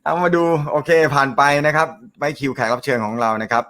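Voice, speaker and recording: The host of a snooker live show has a naturally loud, carrying voice at an ordinary middle pitch. He talks fast, joking, laughing often and chatting his way through viewer comments in a casual style.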